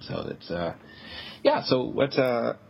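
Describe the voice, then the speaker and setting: A man's voice: medium pitch, wildly swooping pitch, takes it slowly, gravelly, dull audio, a little hiss or hum. A man from Canada chatting as a podcast guest, easygoing and wry. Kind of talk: casual podcast chat.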